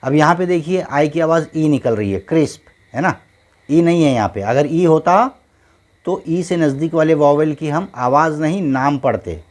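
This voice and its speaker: A man's voice: fairly high pitch, normal speed. A man teaching English phonics, spelling out letters and sounding out each word, then repeating it patiently several times.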